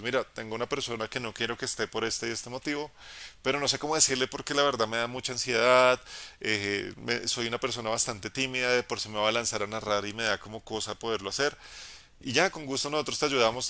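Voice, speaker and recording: A young man, a game master giving an encouraging, casual live talk about narrating, in a low tenor voice with frequent restarts. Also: sharp tone. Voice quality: lowish tenor voice. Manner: encouraging, conversational, many restarts. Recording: dry live stream audio.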